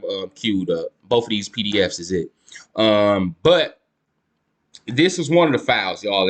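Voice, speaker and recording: A young man with a fairly bright, higher-pitched voice offers casual commentary as a YouTube case-file commentator. He's slangy, calls his viewers y'all, and stumbles now and then while reading court filings aloud.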